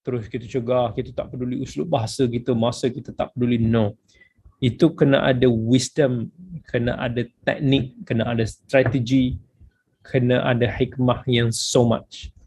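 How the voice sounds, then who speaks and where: A man with a Malaysian accent teaches from a religious book in an unhurried lecture. His voice has a steady gravelly edge at an ordinary male pitch. He explains things patiently and often mixes English phrases into his sentences.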